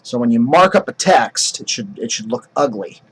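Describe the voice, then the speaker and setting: Man, drama teacher, husky tone, casual explanatory lesson, frequent restarts. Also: medium pitch, expressive, moderate pace, low-quality recording. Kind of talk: acting lesson.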